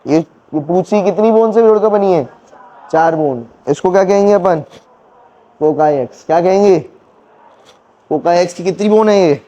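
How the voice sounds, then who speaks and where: A man's voice: high-pitched, moderate pace, pauses often, mellow, dull audio. A male teacher giving a classroom anatomy lecture, quizzing students and counting bones aloud. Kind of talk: classroom lecture with call-and-response questions.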